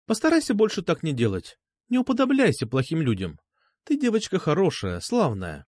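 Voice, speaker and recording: Man doing a subdued female teacher, raised pitch, quiet detached tearful tone, dry close sound. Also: huge pitch swings, brisk, no room sound. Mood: gentle. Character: hurt, subdued woman teacher, gentle. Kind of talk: audiobook character voice.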